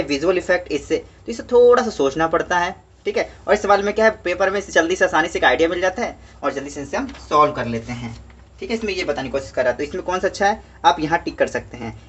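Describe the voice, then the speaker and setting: Husky male teacher with a scratchy throat. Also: high voice, expressive, fairly bright tone. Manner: chatty, keeps saying "okay", reads English slowly. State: scratchy throat, heavy-headed. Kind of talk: casual Hindi worksheet walkthrough.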